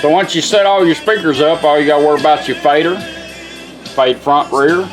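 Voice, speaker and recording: Over background music and poor audio, a car radio restorer gives a folksy, plainspoken, hands-on demonstration of a product. His voice is a little high, and he talks fairly quickly.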